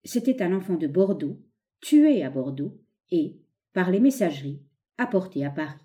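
Woman narrating an audiobook, lively up-and-down delivery, warm mellow voice. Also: lowish voice, normal speed. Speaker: audiobook reader. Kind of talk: scripted narration of an essay.

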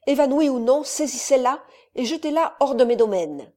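Woman reader as a furious count, contemptuous, loud, mellow tone. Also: mid-range voice, animated, unhurried. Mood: raging. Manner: raging, contemptuous, raised voice. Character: furious cruel nobleman count, a father.

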